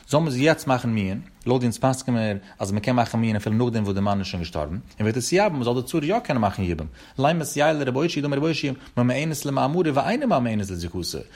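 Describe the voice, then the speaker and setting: A man's voice: medium pitch, sing-song, fast, few pauses, darkish tone. A man teaching a text study lecture, explaining step by step in short broken phrases.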